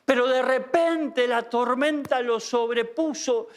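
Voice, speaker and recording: A man's voice: very high-pitched, takes it slowly. A man with an Argentine accent preaching an impassioned sermon in a church as pastor, full of rhetorical questions. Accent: Argentine Spanish.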